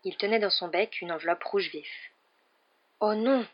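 A woman hosting a night-time radio reading, narrating a novel aloud in a calm, even voice. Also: on the low side, brisk, lo-fi sound. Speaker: radio reader.

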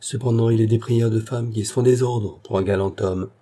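A man's voice: fairly low pitch, fairly even intonation, fairly quick, dark tone, natural voice. A man voicing a proud, reserved young woman in a read-aloud French love story, speaking with cool bitterness. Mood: haughty.

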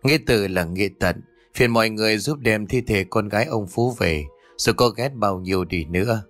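A man voicing a solemn elderly Buddhist exorcist who speaks with calm authority. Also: on the low side, a little fast, faint music behind, natural voice.

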